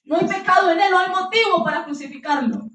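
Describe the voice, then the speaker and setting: Woman preacher doing a stern Roman governor, high voice, pleading questions, heard from a distance. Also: fast, fairly bright tone. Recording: echoey room, distant mic.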